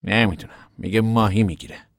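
A man voicing a blunt, restless young adult son in an audiobook, talking in rough colloquial speech. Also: fairly low pitch, steady tone, no echo, studio quality, voice pushed up. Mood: troubled. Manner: rough, plain-spoken colloquial talk. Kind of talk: audiobook character voice.

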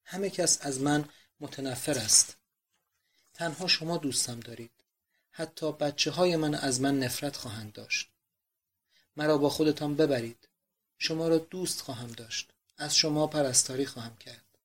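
A man voicing a young countess, pleading and despairing in a quiet, subdued voice as she mourns her father in a read-aloud novel. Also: on the high side. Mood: grieving, pleading. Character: grieving remorseful countess, young woman.

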